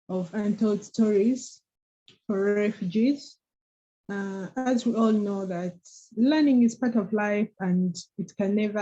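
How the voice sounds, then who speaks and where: A woman co-host with a warm, mid-range voice gives an earnest, encouraging motivational talk about forgiveness and moving forward. The audio is dull, lo-fi online call sound.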